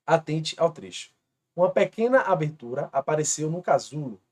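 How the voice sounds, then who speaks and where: A man's voice: fairly high pitch, lively intonation, normal speed, a little mellow. A man with a Brazilian Portuguese accent teaching an online grammar lesson, patiently spelling out rules step by step. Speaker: exam-prep teacher.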